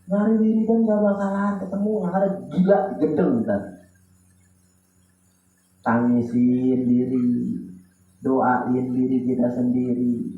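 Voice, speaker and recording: A man preaching a sermon who acts out tearful prayers and climbs to loud, pleading cries. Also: mid-range voice, slow pace, long pauses, faint music behind. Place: Islamic boarding school hall. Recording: muffled echoey hall sound.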